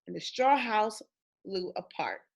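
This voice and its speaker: Reading a children's storybook aloud, a woman with a medium-pitched, expressive, gravelly voice performs dramatically and addresses her young listeners directly, stopping to ask them questions. The recording sounds muffled.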